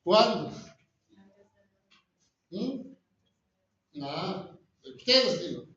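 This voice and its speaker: A man's voice: high-pitched, sing-song, drawn-out words, fairly bright tone. A man giving a classroom lecture, often asking the students rhetorical questions. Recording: echoey, distant, dull room recording.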